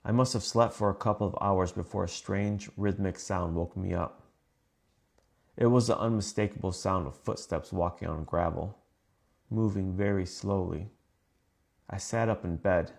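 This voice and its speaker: A man reading scripted first-person horror stories in a calm, measured way. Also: low-pitched, vocal fry. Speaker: narrator.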